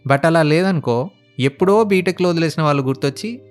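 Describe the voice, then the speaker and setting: A man's voice: a little high, animated, a little fast, faint music behind. A man telling a relationship story in a casual, blunt and sarcastic way, slipping English phrases into his talk. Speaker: relationship advice vlogger.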